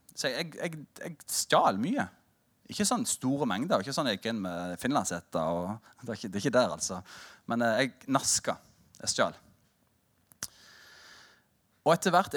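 A male preacher in his thirties delivers a sermon as a personal story. His voice swings widely in pitch as he jokes with the room, then drops low and earnest for the point. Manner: storytelling, animated and humorous with the congregation.

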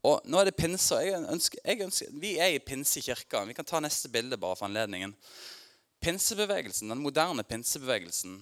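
A man preaching in a church, talking informally to his congregation, laughing often, asking people questions and growing loud and excited when telling his own story. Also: medium pitch. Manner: informal and chatty, with filler words and restarts, laughing often; asks the congregation questions and addresses them by name. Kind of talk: conversational sermon with personal testimony.

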